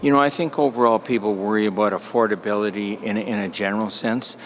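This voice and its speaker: A man's voice: fairly low pitch, steady tone, fast, slight background noise. A man, a government minister speaking hesitantly and repeating words. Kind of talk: press remarks.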